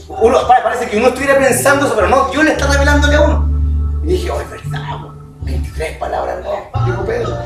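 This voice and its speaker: A middle-aged man preaching a sermon, animated and often asking the congregation if they agree. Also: high voice. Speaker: pastor. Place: church hall. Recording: echoey hall, distant mic, music behind.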